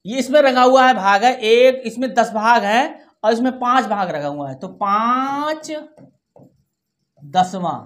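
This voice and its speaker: A woman's voice: a little high, normal speed. A woman teaching a primary school maths lesson to children, patiently repeating each number digit by digit and often checking whether they follow. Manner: keeps checking in with "theek hai".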